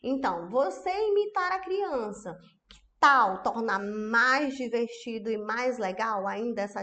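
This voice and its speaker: A woman's voice: a little high, a bit bright. A woman, an educational psychologist giving an online masterclass, chatty and often checking in with her audience. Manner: chatty, tag questions to the audience.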